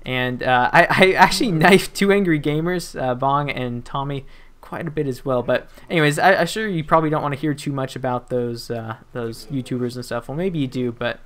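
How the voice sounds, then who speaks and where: A man's voice: mid-range voice, a little fast, fairly bright tone. Chatty young man, gaming voice-over. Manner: rambling and chatty, with frequent fillers and restarts and playful asides. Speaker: gaming YouTuber. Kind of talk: casual gameplay commentary voice-over.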